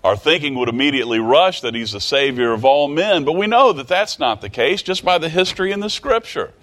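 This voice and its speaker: A man's voice: fairly high pitch, expressive, brisk, a bit bright. A man preaching a sermon in a folksy, way. He repeats phrases and climbs to emphatic peaks. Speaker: pastor.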